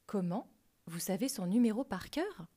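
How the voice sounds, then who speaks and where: A woman's voice: medium pitch, lively intonation, moderate pace, warm tone, lightly acted. A woman voicing a bewildered, impulsive male reporter in a storybook reading. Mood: puzzled. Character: bewildered grown man reporter, cheerful.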